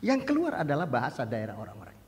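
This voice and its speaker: An older male pastor preaching a sermon, moving from quiet conversational asides to loud, rising exhortations and direct appeals to the congregation. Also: medium pitch, huge pitch swings, quick pace. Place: church. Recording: long church-hall reverb.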